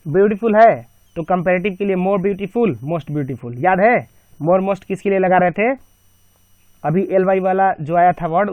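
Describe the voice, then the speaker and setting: Male tutor voice-over, fairly high, patient step-by-step explaining, dry and slightly dull. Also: no room sound. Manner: explains step by step, often asks and answers his own questions. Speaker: English teacher. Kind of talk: screen-recorded grammar lesson.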